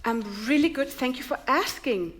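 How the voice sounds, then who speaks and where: An actress playing an eager, overly polite call-centre worker running a phone survey on stage. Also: female voice, high-pitched, expressive, normal speed, a crowd in the background. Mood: cheery. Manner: bright, eager customer-service politeness. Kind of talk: live music-theatre acting. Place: theatre stage.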